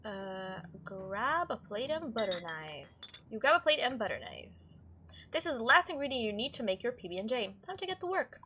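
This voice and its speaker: Reading visual novel text aloud between bits of gaming commentary, a woman hosts a playthrough, chatting and reacting as she goes. Her voice sits on the high side, sing-song and sharp in tone, at normal speed with slight background noise.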